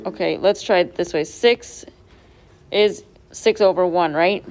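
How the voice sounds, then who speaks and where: A woman's voice: fairly low pitch, a little slow, a little mellow. Patient woman teaching a math class. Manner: patient, step-by-step, quizzes students. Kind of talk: classroom quiz review. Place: classroom with students.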